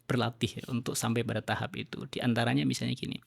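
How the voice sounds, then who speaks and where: A male religious teacher with a gravelly, husky voice talks through his ideas as a podcast guest. He explains in an animated way and often raises his voice. The sound is dry and close. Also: mid-range voice, fast, no echo. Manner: animated, acts out quoted dialogue in a raised voice. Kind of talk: podcast conversation.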